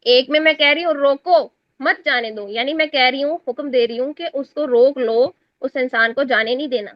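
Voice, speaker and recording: A woman's voice: high-pitched, steady tone, no echo. A woman, teaching a class on Quran recitation and explaining exam answers step by step while she checks that her students follow. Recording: dry, dull lo-fi sound.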